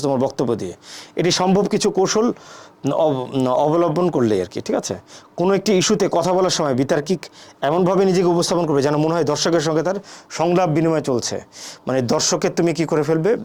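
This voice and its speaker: A man with a fairly high voice, speaking, gives a debate lesson. He keeps asking his students a question and then answers it himself. His talk is full of "thik ache" and "ah" fillers. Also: brisk, a little mellow. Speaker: debate teacher. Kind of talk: classroom lecture.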